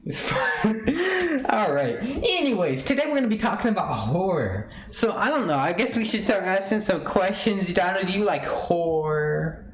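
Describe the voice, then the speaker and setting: A man's voice: sits high, sing-song, normal speed. A young man hosting a podcast in casual chat, rambling and jokey, laughing often. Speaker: podcast host.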